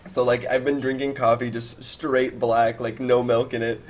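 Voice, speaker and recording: A man's voice: medium pitch, slow pace. A man of twenty chatting casually with viewers on a live stream over a video call headset, rambling and laughing, with many restarts. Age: 20s. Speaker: cannabis streamer. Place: small home room, indoors.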